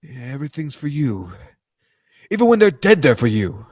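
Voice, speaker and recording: A male actor in a 1940s radio drama plays a plain-spoken North American working man who fumbles for words in halting slang, earnest and indignant toward the rich. His voice is a little high, very animated and somewhat mellow, with a bitter, accusing mood. The sound is dry and close, with no room sound.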